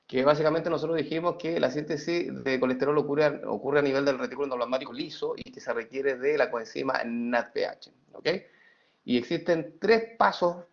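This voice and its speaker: A man's voice: mid-range voice, gravelly. A middle-aged man, teaching an online class, reading students' chat messages aloud in a playful way and then lecturing. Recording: dull lo-fi sound.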